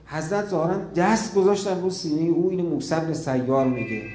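A man preaching a religious sermon, telling stories with feeling and dropping to a hush at key moments. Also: a little high, reverberant, a little hiss or hum. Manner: emotive storytelling, drops to a hush at key moments.

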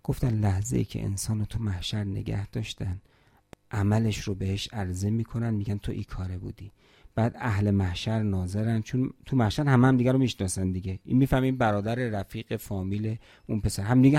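A man's voice: fairly low pitch, steady tone, creaky, warm tone, no echo, studio quality. A man preaching a religious sermon at a mourning gathering, emphatic, asking rhetorical questions and quoting scripture in Arabic.

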